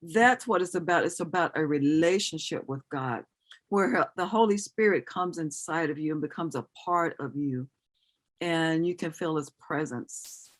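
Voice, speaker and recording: A woman's voice: low-pitched, normal speed. A middle-aged woman giving an earnest personal testimony as an interview guest, acting out remembered dialogue as she tells it.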